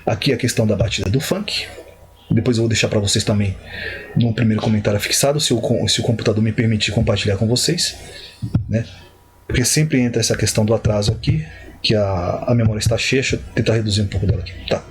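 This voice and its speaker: A man's voice: lowish voice, fast. A man giving a livestreamed Bible teaching, talking conversationally with frequent check-ins and self-corrections.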